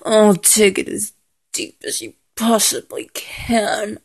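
A woman performs an intimate, ASMR-style erotic roleplay, mostly whispering breathily in a slow, teasing murmur with lingering pauses. Her voice is mid-range and steady, with no room sound.

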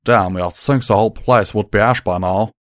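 A man voicing a blunt, folksy male pegasus gunslinger with a loud country drawl. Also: fairly low pitch, steady tone, fairly quick, no room sound, clean studio sound, natural voice. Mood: gruff.

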